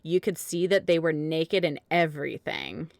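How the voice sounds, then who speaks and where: A woman's voice: deep voice, moderate pace, creaky, a crowd in the background. A woman narrating a fan fiction story in a dramatic reading, keeping a straight face through absurd text.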